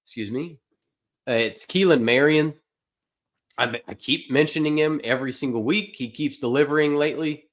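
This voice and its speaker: A man's voice: fairly high pitch, normal speed. A man hosting a casual fantasy sports livestream, talking loosely and bluntly and answering his chat, a little tired and yawning. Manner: loose, opinionated, talks to chat.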